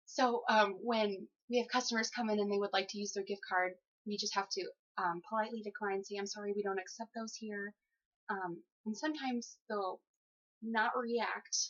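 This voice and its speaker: On a dull lo-fi phone interview recording, a young adult woman with a voice on the high side and a bit bright gives conversational answers as a job candidate. She stays polite and easygoing, with plenty of giggles.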